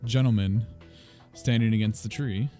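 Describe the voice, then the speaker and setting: A man's voice: on the low side, fairly even intonation, moderate pace, warm tone. A man narrating casually as game master of a tabletop role-playing game. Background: faint music.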